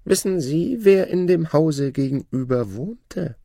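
A man doing a smug, high-voiced shadow gentleman. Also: animated, slow, vocal fry, no room sound, studio quality, exaggerated voice. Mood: boastful. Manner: smug and showy, high-pitched put-on voice. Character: boastful, newly rich male shadow turned gentleman.

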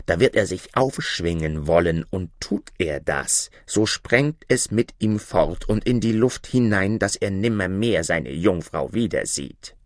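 A man reading a fairy tale aloud and voicing a talking raven that speaks low and slow of coming doom. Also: no room sound, studio quality.

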